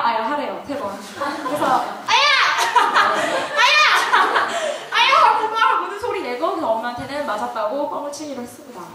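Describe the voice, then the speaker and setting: A woman giving a testimony sermon at a church retreat, telling an animated story and putting questions to the audience. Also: high voice. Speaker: retreat speaker. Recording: echoey hall, distant mic.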